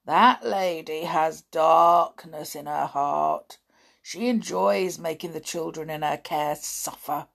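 A woman putting on a slow, slurring, kindly old porter. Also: on the high side, gravelly, fairly bright tone, heavily acted. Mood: earnest.

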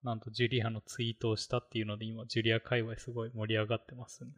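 A man's voice: lowish voice, monotone, very fast. A man chatting casually about tech on a podcast, rambling with many fillers. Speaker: podcast co-host.

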